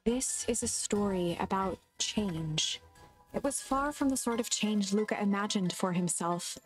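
A solemn storyteller, played by a woman, narrates a mystery game like a storybook. Her delivery is scripted and dramatic, at a middle pitch, with music underneath. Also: unhurried, close to an everyday voice, poor audio. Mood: solemn, ominous. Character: solemn female storyteller reading a mystery tale.

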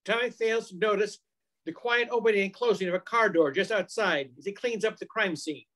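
Speaking a little fast in a high, fairly bright voice, a man in his sixties narrates a script for an old-time radio crime drama. He records from home through a computer mic on a video call.

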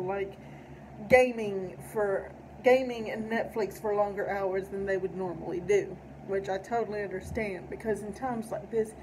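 A woman's voice: mid-range voice, background noise. A middle-aged woman with an Appalachian accent talking casually to camera, enunciating with care. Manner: careful enunciation. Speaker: video channel host and poet. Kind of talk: casual vlog talk. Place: indoor room at home.

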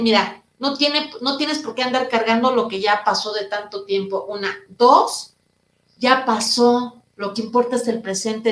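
A woman therapist and speaker answering audience questions in a live online talk, speaking loudly and emphatically and asking her listeners questions. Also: on the high side, echoey room, low-quality recording. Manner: addresses listeners directly with rhetorical questions.

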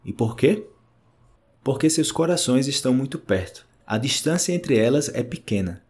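A man with a Brazilian Portuguese accent reading a short story aloud in a clear, gentle, even way, as a language teacher. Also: mid-range voice, normal speed.

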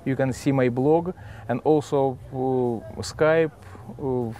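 Halting Russian-accented man, deeper voice. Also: steady tone, dark tone, slight background noise. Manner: halting, simple broken English with repeated words. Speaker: adventurer and sailor, interviewee. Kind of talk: casual interview, explaining. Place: on a sailboat in a marina, cockpit and cabin. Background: music.

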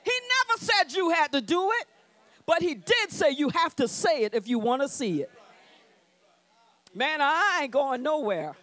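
Woman pastor preaching with bold call-and-response, high lively voice, dry close sound. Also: measured pace, no room sound. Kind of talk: sermon. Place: church sanctuary.

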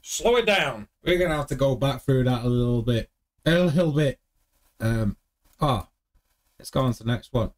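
A man's voice: medium pitch, lively intonation, moderate pace, long pauses. A British man in his thirties giving casual commentary as a reaction video host in a room at home. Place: small home room, indoors. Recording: music under the voice.

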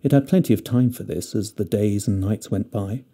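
A man narrating a fairy tale with gentle, expressive storytelling. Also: on the low side, normal speed.

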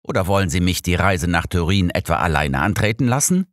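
Guy doing a smug know-it-all old detective, deep voice that swings around a lot, dry close sound, audiobook. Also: lively intonation, brisk, dry recording. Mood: coaxing. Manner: lecturing, smug. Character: sharp, know-it-all older male detective.

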